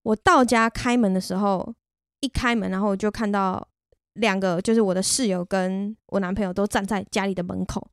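A woman with a Taiwanese Mandarin accent tells a story about herself on her podcast, quick and chatty. She is candid and pokes fun at herself. Her voice sits at a middle pitch and sounds dry and close, with no room around it. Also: steady tone, clean tone, no echo. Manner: candid, chatty and self-deprecating. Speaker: podcast host. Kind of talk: casual personal storytelling monologue.

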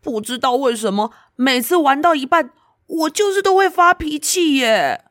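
A woman's voice: sits high, expressive, normal speed, fairly bright tone, no room sound, studio quality, voice pushed up. A woman voicing a grumpy little boy who is easily upset, complaining in a whiny, sulky way while reading a storybook.

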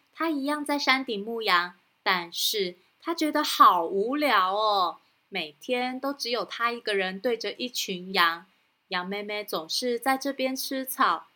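A woman with a Taiwanese Mandarin accent hosting a children's story show, narrating in a gentle, sing-song way to young listeners. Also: medium pitch. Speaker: storytelling host.

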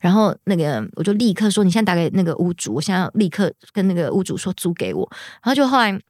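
A young woman hosts a podcast, casually telling a story and quoting people in lively voices. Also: on the low side, quick pace, dry recording, studio quality. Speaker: podcast host.

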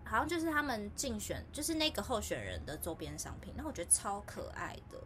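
A woman with a Taiwanese Mandarin accent, co-hosting a podcast in casual chat, telling animated stories and acting out quotes. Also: medium pitch, quick pace, music in the background. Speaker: podcast co-host.

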